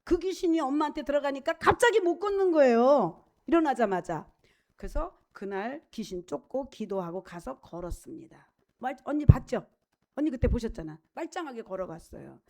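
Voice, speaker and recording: Middle-aged female pastor, high voice, emphatic preaching, quizzes the pews. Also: animated, moderate pace, a little mellow. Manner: emphatic and conversational, asks the congregation questions. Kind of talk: sermon.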